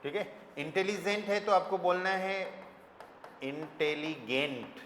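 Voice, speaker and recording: A man's voice: high voice, steady tone, moderate pace, fairly bright tone. A man with an Indian accent teaching a class, quizzing his students and spelling words out letter by letter. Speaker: German teacher. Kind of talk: classroom lesson. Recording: echoey classroom with long reverb, faint room noise.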